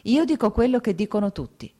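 A woman's voice: a little high, lively intonation, brisk, warm tone, in a large hall, voice pushed up. A woman reading an audiobook, voicing an older aristocratic mother who gossips mockingly. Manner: mocking, sprinkled with French phrases.

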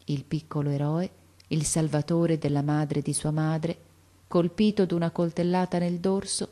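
A woman reading a classic story aloud in measured, dramatic narration. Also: deep voice, little pitch movement, dark tone.

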